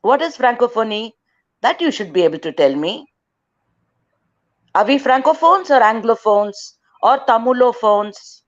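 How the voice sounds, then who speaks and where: A middle-aged woman gives an online lecture to French students over a video call, quizzing them, laughing often, and hesitating with fillers. Her voice is a little high and expressive at a measured pace, and the call audio sounds dull and lo-fi.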